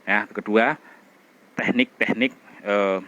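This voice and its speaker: A middle-aged man teaching a public speaking class, demonstrating expressions and vocal drills with loud chants and quiet whispers. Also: fairly low pitch, fairly even intonation, slow pace. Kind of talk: energetic training class.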